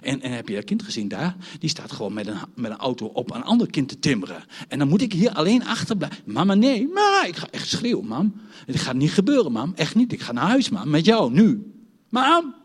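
Man playing a frightened small boy, pleading, repetitive, husky, lively pitch. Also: fast talker, hardly any pauses. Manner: pleading, repeating "mam". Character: small boy, frightened and whiny, clinging to mom.

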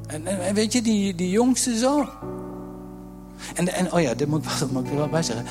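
Male pastor, high voice, animated sermon delivery, soft music underneath. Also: moderate pace. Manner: lively, acts out quotes, jokes with the congregation.

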